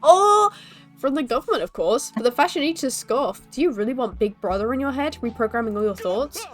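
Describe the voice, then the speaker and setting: A woman co-streaming a game, teasing her partner with quick retorts and reading game text aloud. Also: on the high side, expressive, soft background music.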